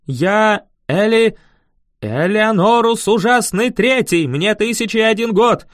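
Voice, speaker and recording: A man's voice: high-pitched, animated, a little slow, dry recording, studio quality, voice pushed up. A man voicing a cocky young wizard who protests indignantly and blusters threats. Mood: mock-menacing. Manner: indignant, mock-menacing bluster.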